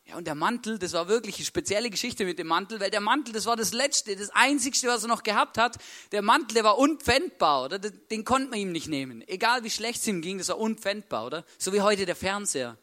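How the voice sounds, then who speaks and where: A man's voice: high-pitched, lively intonation, brisk, bright, forceful tone. A male preacher retelling a story in a casual, colloquial way, constantly tagging sentences with a questioning "right?" and acting out the people's lines. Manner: acts out the voices of the story's people. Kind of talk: sermon with storytelling.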